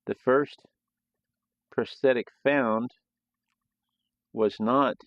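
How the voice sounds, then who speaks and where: Drawing live on a sketching stream, a man talks casually in a steady, mid-range voice, drawing out his words. He rambles loosely and often starts his sentences over. The recording is dull lo-fi, without room sound.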